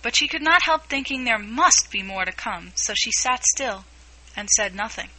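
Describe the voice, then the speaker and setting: A woman narrating a classic storybook aloud in a measured, expressive reading. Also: fairly high pitch, low-quality recording. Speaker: audiobook narrator.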